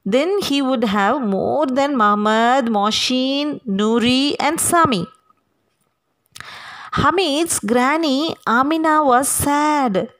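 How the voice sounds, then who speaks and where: A woman teacher reads a story aloud to her class. She goes at a slow, deliberate pace, stretching words for emphasis. Her voice sits a little high, and she breaks off to explain things and to put questions to the listeners.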